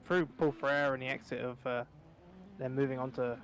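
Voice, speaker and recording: A man calling an online endurance race live, his pitch sitting in the middle range. He rambles and corrects himself mid-sentence as he follows the action. A faint hiss sits under his voice. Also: little pitch movement, normal speed, fairly bright tone. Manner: rambling, self-correcting, chatty. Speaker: race commentator. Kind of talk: live sim racing commentary.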